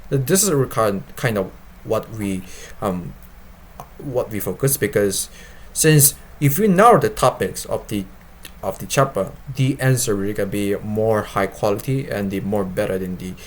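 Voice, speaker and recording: A man speaking non-native English, informally explaining and demonstrating his software in a halting way, often repeating and rephrasing himself. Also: lowish voice, slight background noise. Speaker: developer presenting his web app. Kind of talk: informal product demo and explanation.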